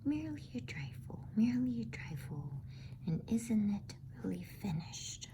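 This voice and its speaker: A woman voicing a modest, kindly male talking beaver in a breathy storybook whisper. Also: medium pitch, sing-song, measured pace, dark tone, pitched above the performer's own voice. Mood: bashful, modest. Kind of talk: whispered ASMR storybook character reading. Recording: faint background noise.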